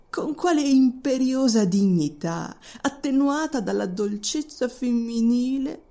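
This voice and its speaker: Cruel young witch played by a woman, sarcastic, gloating, slow lively delivery, gravelly edge. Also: medium pitch. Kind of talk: audiobook voice acting.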